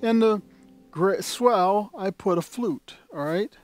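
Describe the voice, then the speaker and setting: Speaking slowly in a high voice, a shop's organ dealer demonstrates the instrument from its console indoors. He talks casually, rambling along with many fillers and restarts.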